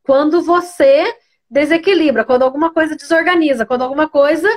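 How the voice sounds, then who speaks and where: A high-pitched woman, a pedagogue appearing as a guest in a live-streamed interview, gives parenting advice. She often ends sentences with a questioning "né" and stops to greet viewers by name.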